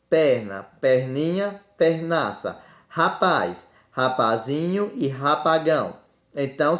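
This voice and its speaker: A male teacher gives a home-recorded lesson, speaking at a middle pitch. He talks in a didactic way and keeps checking in with his students after every point. The room lends his voice a noticeable echo. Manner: didactic, ends phrases with "certo?". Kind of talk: remote classroom lesson. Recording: roomy echo.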